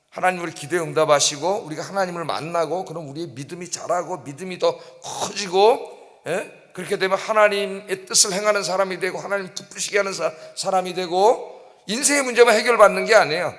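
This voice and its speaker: A middle-aged man preaches an early-morning sermon with a fairly high voice. His delivery is emphatic, with frequent prompts to the congregation. The sanctuary gives his voice a long, ringing reverb. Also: brisk, fairly bright tone. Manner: emphatic, keeps prompting the congregation, acts out quoted cries. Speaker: pastor. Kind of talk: dawn service sermon. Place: church sanctuary.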